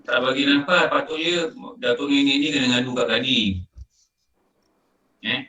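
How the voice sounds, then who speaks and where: A middle-aged man with a Malaysian Malay accent, a religious teacher, gives an informal lecture in a conversational way, telling stories full of repetition. His mid-range voice moves at a normal speed and sounds pushed and bright. The recording is roomy, with him distant from the mic.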